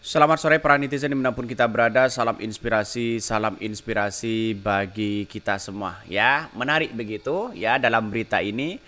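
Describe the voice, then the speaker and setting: A man's voice: lowish voice, a little fast, pushed and bright. A man hosting a solo political commentary podcast, talking in a mocking tone and tagging nearly every phrase with filler. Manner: mocking, with repetitive filler tags.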